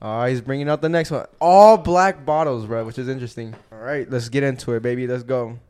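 A man's voice: mid-range voice, fairly quick, darkish tone, clean tone. A young man chatting casually as a game host, with frat-bro slang, swearing and bro in nearly every line. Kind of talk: casual chat.

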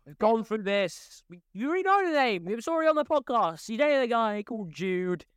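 A man's voice: extremely high pitch, big pitch swings, fairly quick, clean tone, no room sound, studio quality. A teenage boy co-hosting a podcast, teasing and joking in casual chat. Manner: teasing, jokey, interrupting. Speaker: podcast co-host.

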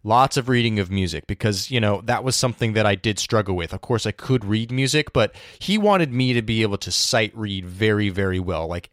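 Man, thirties, podcast host, jazz teacher, casual storytelling, thoughtful, lowish voice, dry. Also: no echo. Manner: relaxed, thoughtful, with frequent fillers.

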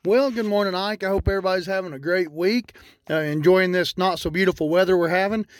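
A man's voice: high voice, fast talker, no room sound. A man giving a casual outdoors segment on radio as a guest expert, folksy and plain-spoken.

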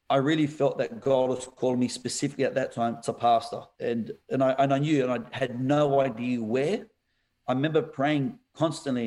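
A man, a pastor, recounts a story in a podcast interview. He talks in a lively, animated way, laughs often and calls the listener "bro." His voice sits in a middle pitch.

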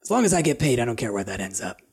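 A man voicing a sly, menacing lizardfolk mercenary in a tabletop game, with a hushed, drawling, taunting delivery that slips toward a whisper. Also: medium pitch, big pitch swings, rapid-fire, husky, exaggerated voice. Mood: mercenary, dismissive. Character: sly, menacing tall lizardfolk mercenary, mocking and money-minded.

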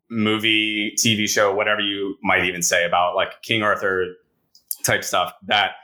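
Bright-voiced, lowish man chatting enthusiastically. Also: poor audio. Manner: enthusiastic, rambling, peppers talk with "like". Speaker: podcast co-host. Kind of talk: casual chat.

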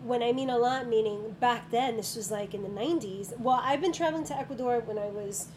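A woman counselor chats easily, a little high in pitch, filling pauses with ums as she tells her stories. A steady noise hums behind her voice throughout. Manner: chatty storyteller, frequent ums. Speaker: school counselor. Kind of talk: casual interview chat.

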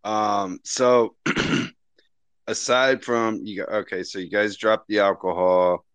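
A man with a fairly low voice and a dry sound hosts a casual live chat. He is brash and slangy, and he peppers his talk with curses. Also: fairly even intonation, takes it slowly, fairly bright tone, clear, resonant tone, no echo. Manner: slangy, brash, swears freely. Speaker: host of a live audio chat.

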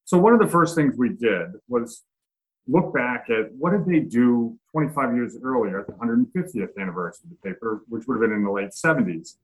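A man's voice: mid-range voice, fairly quick, low-quality recording. Easygoing man answering interview questions. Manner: relaxed, with frequent "uh" and "um" fillers. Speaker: author and newspaper reporter.

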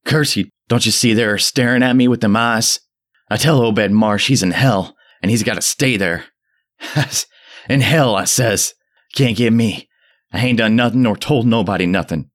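A man voicing a terrified old drunk who rants in a shrill, cracking old voice and a rustic dialect. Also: steady tone, normal speed, pauses often. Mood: frenzied. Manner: rustic old New England dialect, ranting. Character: terrified old male drunk, rambling and frantic.

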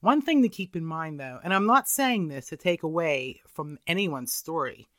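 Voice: medium pitch, expressive, moderate pace, fairly bright tone, no echo, clean studio sound. A show host reading scripted true stories of the paranormal as a narrator.

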